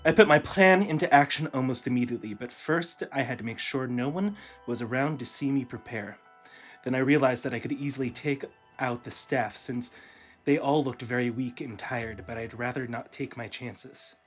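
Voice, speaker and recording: A man's voice: mid-range voice, moderate pace, faint music behind. A man co-hosting a podcast, chatting casually with jokes and easy laughter, then reading a horror story. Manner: joking, laughs easily between lines. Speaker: podcast co-host.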